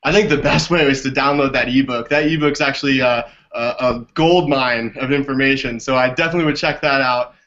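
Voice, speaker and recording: Over a video call, a business development director appears as an interview guest and explains things in a conversational way. His mid-range voice is a bit bright and brisk, with few pauses. The sound from the video call mic is dull and lo-fi.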